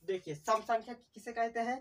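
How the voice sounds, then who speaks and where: A man's voice: extremely high pitch, brisk, distant mic. Male math teacher, patient self-quizzing delivery, talks to the class as friends, mic set back from him. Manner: asks questions and answers them himself, repeats key terms; addresses viewers as friends again and again. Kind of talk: classroom-style lesson at a board.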